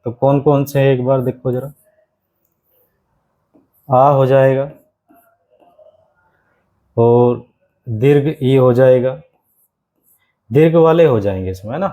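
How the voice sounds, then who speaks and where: A male grammar teacher giving an exam-prep lesson. He repeats key phrases slowly for students to write down and keeps calling the class "my friend". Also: medium pitch, narrow, tinny audio.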